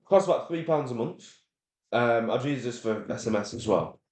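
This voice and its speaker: A man's voice: mid-range voice, animated, normal speed, darkish tone, echoey room. A man teaching a course in a loose, casual way, full of "um"s and offhand swearing. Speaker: course instructor. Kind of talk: casual screen-share tutorial.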